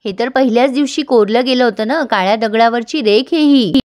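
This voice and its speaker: A woman's voice: fairly high pitch, a little fast, a little mellow, lightly acted. A woman voicing a cheerful young wife in a contract marriage, politely calling her husband sir, in a serial recap. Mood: matter-of-fact.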